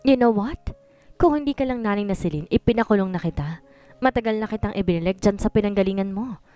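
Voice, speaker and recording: A woman's voice: mid-range voice, fast, dark tone, no room sound, faint music behind, close to an everyday voice. A woman voicing an angry, protective rich husband who speaks in a stern, threatening way in a story reading.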